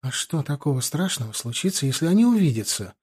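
A man's voice: on the high side, very animated, quick pace, a little mellow, breathy edge. A man voicing a stubborn, caring young woman doctor in an audiobook, speaking insistently. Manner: insistent, pleading.

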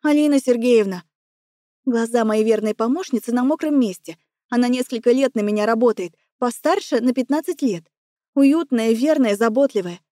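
A woman narrating a first-person audiobook with expressive, emotional storytelling. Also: fairly high pitch, normal speed, dry recording, clean studio sound.

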